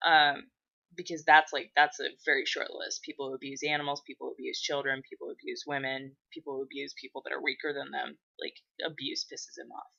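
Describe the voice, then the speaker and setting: A woman's voice: a bass voice, flat delivery, brisk, creaky, sharp tone, highs cut off. A woman in her twenties chatting casually, blunt and swearing freely as she gets worked up. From USA. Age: 20s. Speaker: vlogger. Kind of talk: casual chat.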